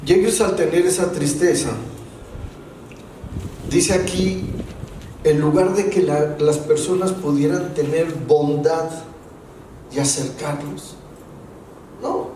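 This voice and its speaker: A man with a Mexican Spanish accent preaches a sermon to his congregation, his voice sitting fairly high. He keeps asking rhetorical questions and pushes hard on the key words. The recording rings heavily around a church hall and catches him from a distance. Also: steady tone, slow pace, long pauses, dark tone. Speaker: pastor. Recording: very echoey hall, voice from far off, faint room noise.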